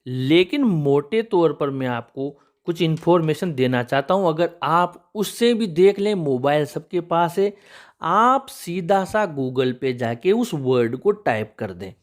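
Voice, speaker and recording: A man's voice: a little high, lively intonation, measured pace. A man teaching English spelling rules, patiently walking through one example after another and calling his viewers friends.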